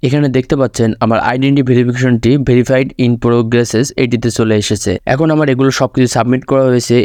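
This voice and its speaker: Rapid-talking man narrating a phone tutorial. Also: mid-range voice, a little mellow, no room sound, studio quality. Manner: step-by-step instructive, addresses viewer directly. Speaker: tutorial host. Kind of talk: screen-recorded tutorial narration.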